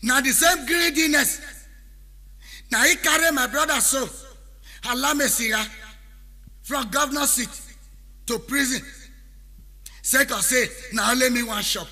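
High bright Nigerian Pidgin preacher-singer. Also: male voice, measured pace, gravelly, pauses often. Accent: Nigerian Pidgin, Edo. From Benin City, Nigeria. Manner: preachy, proverb-laden, half-sung. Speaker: highlife musician. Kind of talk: spoken-word chant over music. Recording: long reverb with backing music.

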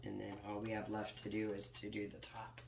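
A man with a hoarse voice from a cold, casually talking through a craft project step by step as he works. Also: fairly low pitch, completely flat delivery, a little fast, background noise. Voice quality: gravelly. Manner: talks while working, moving near and far from the mic. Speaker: craft tutorial host.

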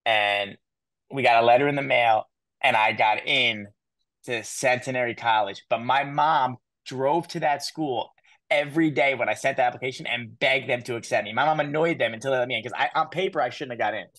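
A man in his thirties, a guest in an interview, telling his story in an animated way, restarting and quoting others. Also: mid-range voice, brisk, no room sound. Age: 30s. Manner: animated, repeats words, quotes people in his story. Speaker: guest speaker.

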